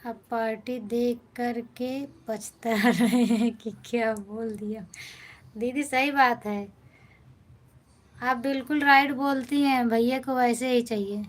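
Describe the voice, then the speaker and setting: A woman hosting a casual live stream from a phone, reading viewers' comments and gently soothing them, calling them brother and sister. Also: a little high, steady tone, slow. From India.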